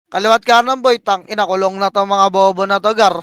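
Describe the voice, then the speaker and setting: A man calling shots for his team in live game voice chat, barking rapid commands and countdowns and swearing. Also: high voice, steady tone, fairly bright tone, smooth, no room sound. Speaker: team shotcaller.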